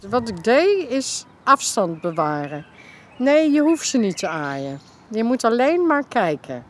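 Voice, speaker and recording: A woman telling neighbourhood stories in a casual interview, lively and acting out conversations. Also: a little high, unhurried. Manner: lively, acts out conversations in quoted voices. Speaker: neighbourhood resident being interviewed.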